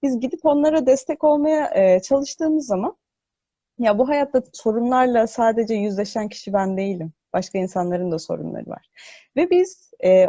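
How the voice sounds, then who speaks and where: A woman explaining scripture in an unscripted religious talk, hesitant and pausing to think as she explains, with her voice echoing. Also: on the high side, warm tone, slightly rough. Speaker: host of a religious discussion broadcast. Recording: echoing voice, muffled online audio.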